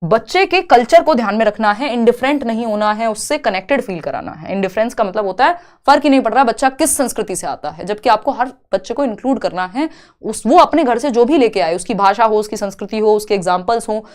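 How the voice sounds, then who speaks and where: A woman's voice: a little high, expressive, quick pace. Chatty woman teaching an exam class. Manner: chatty, reassuring, mixes Hindi with English terms. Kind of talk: online exam coaching lesson.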